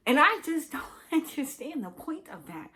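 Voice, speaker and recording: A woman vlogger telling her own story in a candid, conversational monologue, halting, with many fillers and restarts. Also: sits high, big pitch swings, pushed and bright, a little hiss or hum.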